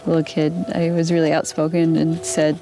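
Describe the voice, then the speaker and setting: Young woman, soft-spoken and reflective, lowish pitch, music bed underneath. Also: completely flat delivery, normal speed. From United States. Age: young adult. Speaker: interviewee. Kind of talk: documentary interview.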